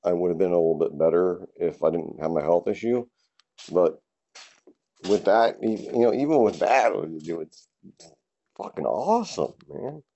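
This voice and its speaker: Laid-back low-voiced rambling man. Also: expressive, moderate pace, mellow, muffled recording. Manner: rambling, laid-back, swears casually, many fillers. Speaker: podcast host. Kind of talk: casual solo podcast rambling. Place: home garage.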